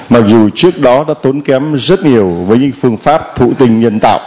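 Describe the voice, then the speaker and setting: Priest with a dark, mellow voice. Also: male voice, medium pitch, poor audio. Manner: measured, addresses the congregation. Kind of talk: sermon to the congregation. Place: church.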